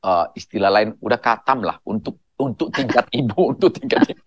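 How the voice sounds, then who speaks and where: A man's voice: lowish voice, normal speed, dry recording. A man, a pastor hosting, asks thoughtful questions and adds short preaching asides. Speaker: pastor and host. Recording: dull, dry sound.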